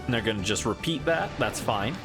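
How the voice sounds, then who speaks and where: A man's voice: mid-range voice, animated, brisk, creaky, music in the background. A man streaming a video game with casual, playful commentary. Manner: playful, voices game characters aloud.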